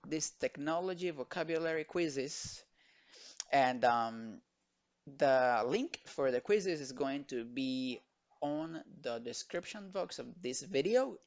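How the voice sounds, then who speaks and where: A man's voice: a little high, expressive, dull audio. A man teaching English vocabulary to children in an online lesson, switching between Spanish and English and patiently repeating each word. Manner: slow, drilled repetition of words.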